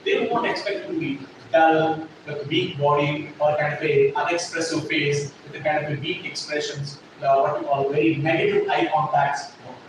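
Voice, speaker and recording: Speaking at a moderate pace with hardly a pause, this man has an animated voice on the high side. Acting as a trainer before a class, he drives his points home, says them again and makes sure students keep up. Noise, classroom echo and a distant microphone mark the audio.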